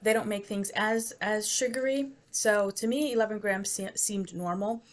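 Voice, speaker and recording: A woman's voice: medium pitch, normal speed. Chatty American woman vlogging a taste test. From United States. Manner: chatty, rambling, laughs easily. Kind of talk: casual taste-test vlog.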